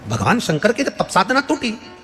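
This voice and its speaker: Higher-voiced man preaching a sermon in a hall. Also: wildly swooping pitch, normal speed, a bit bright. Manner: repeats phrases for emphasis, calls to the audience. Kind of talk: devotional sermon, storytelling. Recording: long hall reverb with faint music.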